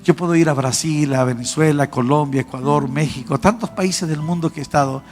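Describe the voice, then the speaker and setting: A man preaching his testimony to a congregation, telling his story in an animated way and acting out the dialogue. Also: on the high side, fairly quick. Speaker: apostle preaching. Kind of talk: sermon testimony. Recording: long hall reverb with faint music.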